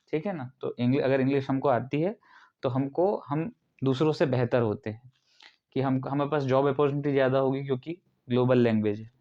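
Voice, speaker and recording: A man's voice: medium pitch, a little mellow, highs cut off. A male instructor from India giving a classroom lecture, explaining step by step and asking the class questions. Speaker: ITI instructor.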